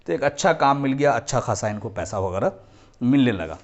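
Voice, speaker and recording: Speaking briskly and expressively at a medium pitch, this man teaches children a history lesson, though the audio sounds dull. His classroom lecture defines every term, goes over key points more than once, and frequently switches into English phrases.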